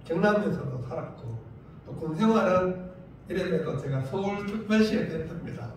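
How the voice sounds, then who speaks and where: A male pastor with a Gyeongsang Korean accent, preaching a lively sermon with rhetorical questions and humor. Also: high voice, moderate pace, a little hiss or hum. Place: church sanctuary. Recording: very echoey church from far off.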